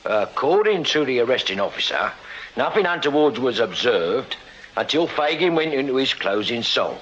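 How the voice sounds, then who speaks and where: This male voice is mid-range and bright, with big pitch swings at a normal speed. He plays a dutiful, plain-spoken, slightly bumbling London police constable in a British period radio drama, deferential and hesitant as he haltingly reads reports aloud. The recording is slightly dull and hissy, typical of radio drama.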